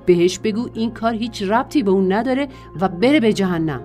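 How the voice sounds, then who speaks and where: A woman's voice: medium pitch, animated, dark tone, soft background music, lightly acted. A woman voicing an angry, rude male passenger who snaps curt retorts. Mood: irritated.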